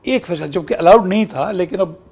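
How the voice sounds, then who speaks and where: A man's voice: sits high, fairly quick, creaky, breathy edge. A middle-aged man from Kashmir, an actor and broadcaster animatedly recalling his career in an interview and acting out old conversations. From Kashmir, India. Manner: animated storytelling, acts out quoted exchanges.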